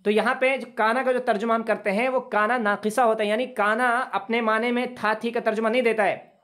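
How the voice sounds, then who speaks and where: A man teaching an English grammar lesson, patiently repeating phrases slowly for his students. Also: extremely high pitch, level tone, a bit bright. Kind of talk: classroom lesson explaining grammar.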